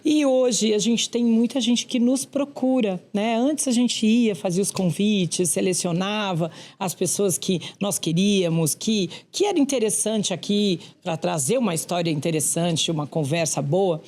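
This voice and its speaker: A woman's voice: medium pitch, a little slow, few pauses, darkish tone. Effusive Brazilian woman hosting a podcast. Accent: Brazilian Portuguese. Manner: effusive, full of compliments. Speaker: podcast host. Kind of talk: warm chatty interview.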